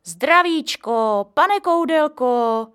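A woman's voice: sits high, expressive, fairly bright tone, pitched above the performer's own voice. A woman voicing a middle-aged male building caretaker in a storybook reading, drawling his friendly greetings. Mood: jovial.

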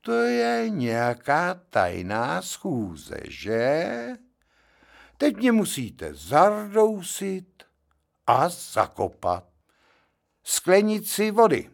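A man voicing a tipsy middle-aged male paper merchant who talks slowly and loudly, grandly resigned to his fate, in a read-aloud story. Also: high-pitched, wildly swooping pitch, vocal fry, pitched above the performer's own voice, heavily acted. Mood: wry. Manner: slow, drawling, loud and grandly tipsy.

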